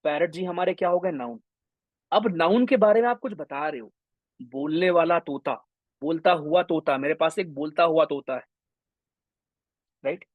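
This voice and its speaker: High-voiced energetic grammar teacher. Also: male voice, no echo, narrow, tinny audio. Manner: energetic, mixes Hindi with English terms, addresses students as brothers. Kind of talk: online exam-prep class lecture.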